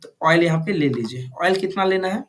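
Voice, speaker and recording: Constantly making sure his students keep up, a computer teacher peppers his live class with questions. He speaks fairly quickly in a highish voice with lively intonation, and there's a little hiss or hum in the audio.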